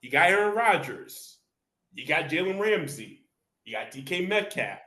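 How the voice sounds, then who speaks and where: A man with a slightly high voice hosts a relaxed sports talk show. He speaks loosely and often restarts phrases, stacking repeated words before he lands his point. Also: moderate pace. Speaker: host. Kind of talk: casual podcast chat.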